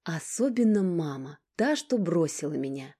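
A woman voicing an angry, bitter young woman who snaps sharply at her father in a low, husky voice. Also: big pitch swings, moderate pace. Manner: sharp, cutting, loud.

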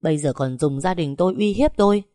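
A young wife who is hurt but defiant, and who turns to accusation, voiced by a woman. The voice is low and mellow, and the sound is dry. This is a storybook reading. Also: brisk, no room sound, natural voice. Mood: accusing. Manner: pleading, accusing.

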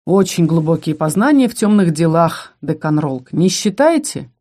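A brash young male fighter snaps and sneers at everyone, as a woman reading the story puts him on. His voice sits low and dark, pushed loud and hard. He sounds bossy and scornful throughout. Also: big pitch swings, normal speed. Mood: mocking. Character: brash young male combat student, mocking and rough.

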